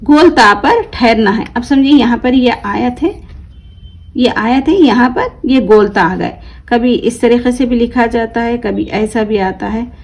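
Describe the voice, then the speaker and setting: In a low-quality recording, a female Quran reading teacher walks her class through a lesson. She speaks unhurriedly in a fairly high, somewhat mellow voice, asking questions she then answers and drawing out the words she gives as examples.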